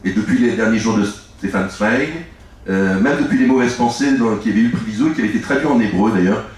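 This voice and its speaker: A middle-aged, French-native author on the low side of pitch gives long, meandering, halting replies riddled with restarts as a guest at a live book talk. The mic is distant, and the echoey room has faint ambience.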